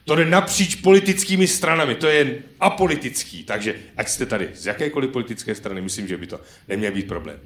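A stand-up comedian hosts a live show in a theatre hall, chatting and teasing the audience. His medium-pitched, fairly bright voice has lively intonation and hardly any pauses, and the recording has a roomy live-hall sound.

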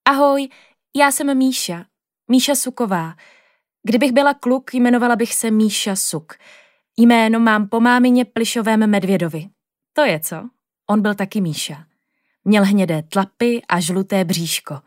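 A woman reading a children's storybook aloud in the first person of a little girl, in a lively storytelling tone. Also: a little high, dry recording, clean studio sound. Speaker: audiobook reader.

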